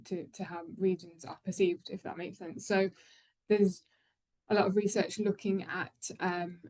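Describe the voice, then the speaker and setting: A woman's voice: lowish voice, flat delivery, unhurried, a little mellow. British woman, tentative academic explainer. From United Kingdom. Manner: explanatory, tentative, circling back to rephrase. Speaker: academic researcher on accents and child language. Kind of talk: spontaneous panel talk.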